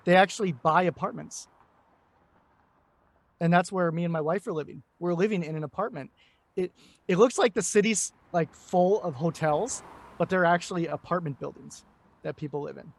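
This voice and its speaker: High-voiced American man chatting loosely. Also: moderate pace, gravelly, no room sound. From United States. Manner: rambling, many fillers and restarts. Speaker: guest, English teacher. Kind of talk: casual interview chat. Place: home in Korea.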